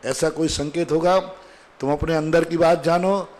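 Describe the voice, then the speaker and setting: A man's voice: a little high, steady tone, normal speed, a little mellow. A man giving a religious question-and-answer discourse, chatty and storytelling, often laughing.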